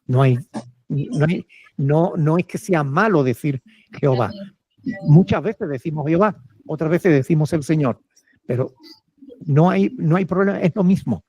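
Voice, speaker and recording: A man's voice: a little high, moderate pace, long pauses, a little mellow, breathy edge. A male pastor with a Peruvian Spanish accent, patiently answering questions from church members and often checking with "ok?".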